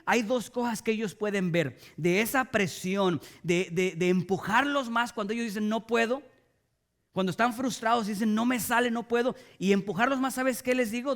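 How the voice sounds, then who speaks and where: A man's voice: high voice, a bit bright. A middle-aged man, preaching a sermon as a pastor and often asking the congregation rhetorical questions.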